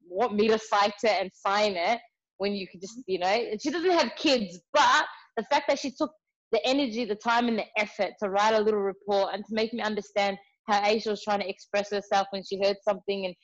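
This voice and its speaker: Talking briskly in a medium pitch, a young mom spins casual, chatty stories packed with fillers. The lo-fi audio sounds slightly muffled.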